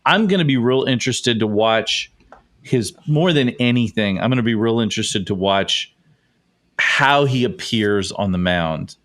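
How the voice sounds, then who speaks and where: A man's voice: medium pitch, expressive, measured pace, fairly bright tone. A man co-hosting a sports podcast in casual chat, laughing often and trailing off mid-sentence. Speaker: podcast co-host.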